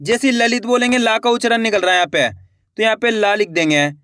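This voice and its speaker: Bright, high-voiced male teacher. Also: fairly even intonation, fairly quick, dry recording, studio quality. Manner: draws out each word and drops low to finish it; asks the viewer questions and repeats answers. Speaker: Hindi writing teacher. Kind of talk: slow, patient spelling lesson.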